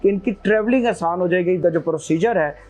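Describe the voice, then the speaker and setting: A man hosting an interview, asking questions in a measured way with some hesitation. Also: high voice, darkish tone, soft background music. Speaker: interviewer, host.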